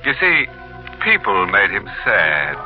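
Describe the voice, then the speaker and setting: A ghoulish old-time radio horror host who savours his grim puns. His very deep voice lingers slowly and swoops up and down with sly glee. The dull vintage recording carries music beneath him. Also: wildly swooping pitch, full character voice. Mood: gloating. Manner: macabre puns with chuckles. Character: sinister male horror host, punning and gleeful. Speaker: host of a radio mystery show. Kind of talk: 1940s radio acting.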